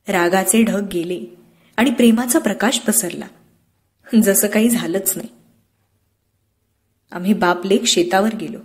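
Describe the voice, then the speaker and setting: Woman narrating a classic novel. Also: mid-range voice. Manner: measured, expressive storytelling. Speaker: audiobook narrator.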